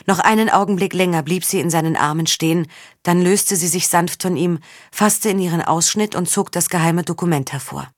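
A woman narrating an audiobook in a calm storytelling manner. Her voice sits a little low with a husky grain. The recording is dry and close. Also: a little fast, no echo. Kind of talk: scripted narration.

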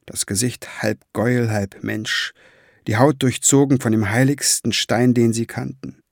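A man reading a dark fantasy novel aloud in a measured, dramatic storytelling manner, close to the mic. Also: medium pitch, fairly even intonation, gravelly, no echo. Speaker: audiobook narrator. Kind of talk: scripted fantasy narration.

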